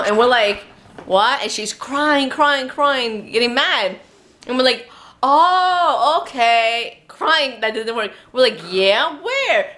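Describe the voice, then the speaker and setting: A woman, a stay-at-home mom, chatting casually at home for her family vlog while filming on a handheld camera. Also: fairly high pitch. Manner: chatty, animated, laughs often.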